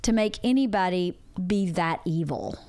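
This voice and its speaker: A woman's voice: fairly low pitch, expressive, normal speed, a little mellow, no echo. Candid woman in her forties, dry sound. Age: 40s. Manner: earnest, open and reflective. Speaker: podcast co-host. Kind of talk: candid personal conversation.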